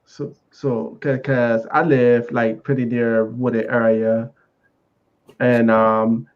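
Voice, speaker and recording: A man's voice: medium pitch, little pitch movement, slow. A man speaking through a voice changer in a casual livestream chat, curious and full of questions. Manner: curious, asks many questions. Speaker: livestream guest. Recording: dull lo-fi voice changer audio.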